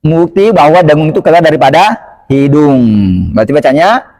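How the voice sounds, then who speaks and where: A man teaching Quran recitation rules, slowly modelling each word several times and asking the listeners quick questions. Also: a little high, a little mellow. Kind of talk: tajwid lesson.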